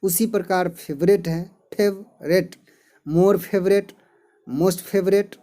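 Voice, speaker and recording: Male teacher, middle-aged, slow drilling delivery with a dark mellow tone. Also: high voice, fairly even intonation. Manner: slow, repeats word forms like a drill. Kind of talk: explaining an English lesson in Hindi.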